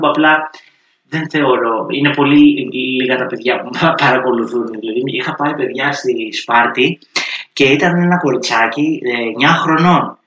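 A man's voice: medium pitch, bright, forceful tone, muffled recording. A man hosting a cooking channel, talking casually to his viewers in a chatty, slangy storytelling way. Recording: roomy echo with faint music.

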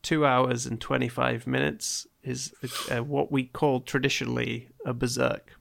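A man co-hosting a podcast with a dry, wry delivery and quick deadpan jokes. His voice sits in a middle pitch and has a strongly gravelly, creaky texture throughout. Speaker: podcast co-host. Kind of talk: casual chat.

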